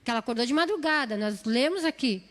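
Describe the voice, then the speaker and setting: A woman with a São Paulo Brazilian accent delivers a sermon in a church hall. Her voice sits high, and she pleads earnestly, circling back over the same phrases. A long reverb trails each line across the room. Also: animated, fast. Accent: Brazilian Portuguese, São Paulo. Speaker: preacher.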